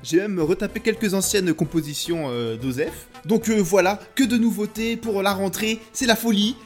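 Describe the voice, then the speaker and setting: A young man talks casually about films for his podcast, joking at his own expense. His voice sits a bit high and he trips over himself with hesitant fillers. Quiet music plays behind him. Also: normal speed. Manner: playful, self-mocking, many filler "euh"s. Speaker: podcast host reviewing films. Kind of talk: casual comic monologue.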